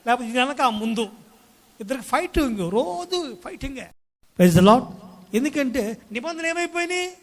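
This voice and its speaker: Male pastor, high pitch, animated sermon with call-and-response, church hall with long reverb. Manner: animated preaching, calls Praise the Lord and hallelujah to the congregation; acts out quoted spouses in everyday scenes. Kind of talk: Sunday sermon.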